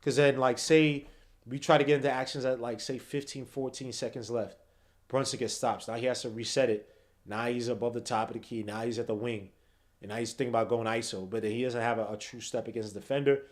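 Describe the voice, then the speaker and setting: A man hosting a late-night basketball podcast, tired and yawning, rambling and swinging from low mutters to loud outbursts. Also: fairly even intonation, brisk. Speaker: podcast host.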